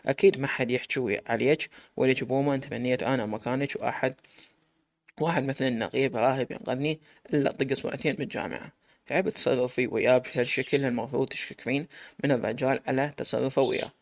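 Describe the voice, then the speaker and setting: A man doing a high, teasing girlfriend. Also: fairly even intonation, fast talker, gravelly, no echo, natural voice. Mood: scolding. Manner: teasing, scolding. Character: bold young woman, teasing best friend. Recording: loud background noise.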